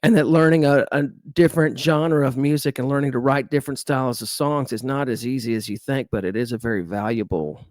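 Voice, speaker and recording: With a Texan accent, this middle-aged man from Dallas talks as a guest musician in a relaxed interview, rambling and filling gaps with fillers and restarts. He speaks briskly in a mid-range, slightly mellow voice, barely pausing, in studio-quality audio with no room sound.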